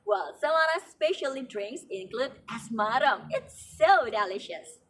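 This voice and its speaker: A young woman with an Indonesian accent presenting as a tour guide in halting, non-native English. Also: sits high, very animated, fairly bright tone, far from the mic, slight background noise. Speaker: tour guide in a student role play.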